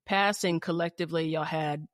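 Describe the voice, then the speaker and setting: A woman's voice: deep voice, steady tone, normal speed, dry recording, studio quality. A woman hosting a podcast in casual chat, with lots of restarts and football talk. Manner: rambling, many restarts and "you know what I'm saying". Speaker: podcast host and player.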